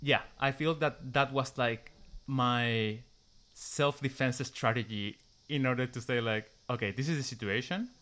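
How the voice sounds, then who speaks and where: This man, a musician from Chile, has a medium-pitched, sharp-toned voice and a measured pace. He answers interview questions casually in English with a Chilean Spanish accent and reads a passage, sounding hesitant, using many "like" fillers, and pronouncing carefully.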